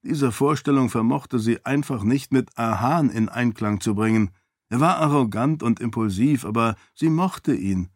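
A man narrating a fantasy audiobook in an even, deliberate way. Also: medium pitch, no echo, studio quality.

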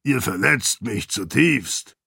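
A man voicing a croaky older uncle in an audiobook, wry and good-humored. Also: medium pitch, animated, slow pace, sharp tone, no echo, studio quality, heavily acted. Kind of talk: audiobook character voice.

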